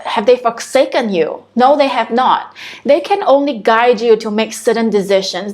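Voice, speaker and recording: Speaking with a Singaporean English accent in a fairly high voice, a woman from Singapore hosts a relaxed spiritual coaching live stream from home. She chats with viewers and tends to repeat her phrases.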